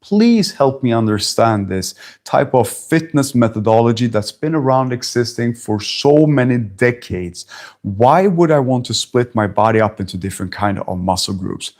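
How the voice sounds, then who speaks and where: A man's voice: medium pitch, lively intonation, moderate pace, darkish tone. A man in his forties from Sweden, a personal trainer talking bluntly and emphatically to camera at a friend's house, swearing now and then. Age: 40s. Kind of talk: talking-head fitness vlog.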